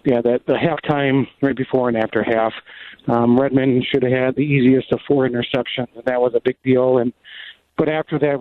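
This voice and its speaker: A male radio-show caller heard over a thin, phone-like line with no room sound. His pitch stays flat while he works through his points, pausing often with ums and starting over. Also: no echo. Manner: hesitant, many ums and restarts. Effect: phone line call into a radio show. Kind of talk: call-in comments to a sports talk show. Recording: tinny dry phone line.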